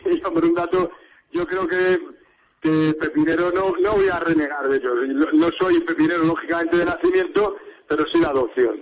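Guy in his 50s, madrid accent, kinda high voice, chatty and relaxed, muffled radio sound. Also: normal speed. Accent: Madrid Spanish. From Madrid, Spain. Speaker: football sports director, interview guest. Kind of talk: radio interview conversation.

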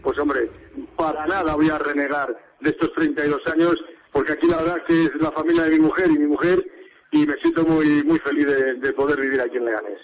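A man in his fifties with a Madrid Spanish accent talks as a guest on a radio show. His voice sits a little high, and he chats in a relaxed, storytelling way. The sound is dull and muffled, like a radio broadcast. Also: a little fast. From Madrid, Spain. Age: 50s. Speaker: football sports director, interview guest. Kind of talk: radio interview conversation.

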